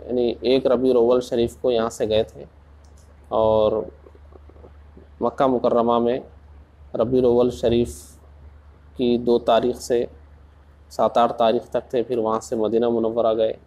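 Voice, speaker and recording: A man preaching in a slow, deliberate way, asking rhetorical questions and rising into passionate emphasis. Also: medium pitch, warm tone, lo-fi sound. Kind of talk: Urdu sermon.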